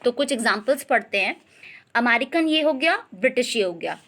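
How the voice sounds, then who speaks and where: A young woman teaching a grammar lesson, reading English lines out slowly and deliberately, then explaining them patiently with frequent check-ins. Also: on the high side, lively intonation, fairly bright tone.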